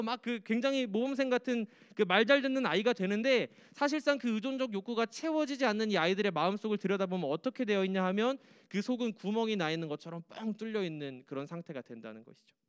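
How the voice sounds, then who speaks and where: Young man, youth pastor, lively sermon, high voice, jokey and chatty. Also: clean tone. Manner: chatty, joking, animated preaching. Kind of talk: sermon to high school students. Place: church.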